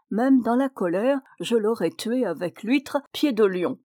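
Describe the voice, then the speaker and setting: A woman reads a classic tale aloud, expressive and measured. Her voice sits in a middle register, recorded dry and close with no room sound. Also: medium pitch, no echo. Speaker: reader. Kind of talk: audiobook narration.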